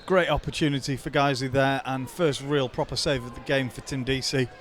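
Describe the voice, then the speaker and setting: A man's voice: mid-range voice, steady tone, a little fast, fairly bright tone. A man doing co-commentary on a football stream, offering dry, self-deprecating banter with frequent stumbling restarts. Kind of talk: casual commentary chat. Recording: noisy outdoor stadium crowd.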